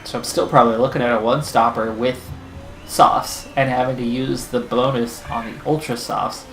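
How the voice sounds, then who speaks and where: A man's voice: mid-range voice, fairly even intonation, moderate pace, fairly bright tone, reverberant, soft background music, poor audio. A man hosting a racing management game video, talking through his race strategy in anxious, pleading running commentary. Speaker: gaming channel host. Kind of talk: let's-play commentary.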